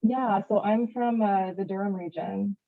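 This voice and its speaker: A woman's voice: mid-range voice, fairly even intonation, unhurried, gravelly, dry recording. A woman student from Ontario answering an instructor politely over a call. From Ontario, Canada. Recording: dry, phone-like call audio.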